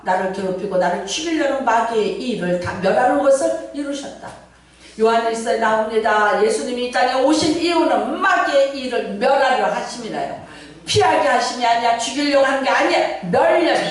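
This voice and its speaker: Fiery woman pastor in an echoing hall. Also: fairly high pitch. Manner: fervent, dramatic, shifts between shouting and hushed asides. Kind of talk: Pentecostal sermon. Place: large church sanctuary. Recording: very echoey church hall, from far off.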